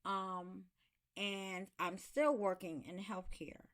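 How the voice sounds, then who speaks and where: A woman's voice: medium pitch, steady tone, slow. A middle-aged woman hosting a solo podcast, talking with passion and repeating words for emphasis. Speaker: podcast host.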